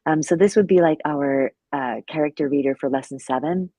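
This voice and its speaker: A woman with a low, mellow voice talks through a live language lesson in a relaxed, chatty way. She fills her speech with "um" and "like" and laughs at herself now and then. The sound is dry and close. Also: fairly quick, no room sound. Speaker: Cantonese teacher co-hosting a live lesson. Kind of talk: casual live-stream teaching chat.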